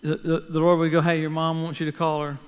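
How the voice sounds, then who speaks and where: A man preaching a sermon, telling stories in an animated way and often repeating words, pausing for an interpreter. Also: a little high, clean tone, highs cut off. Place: large church hall. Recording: reverberant church hall.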